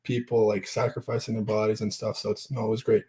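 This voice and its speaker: Mellow young man answering questions. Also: on the low side, fast talker. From Belgium. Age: young adult. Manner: relaxed, plain-spoken, with fillers. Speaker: junior hockey player guest. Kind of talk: casual interview answers.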